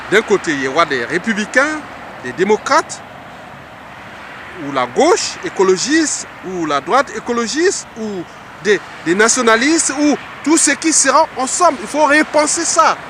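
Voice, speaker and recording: A man's voice: high-pitched, background noise. A man from the Republic of the Congo giving an earnest, repetitive political address, speaking like an orator.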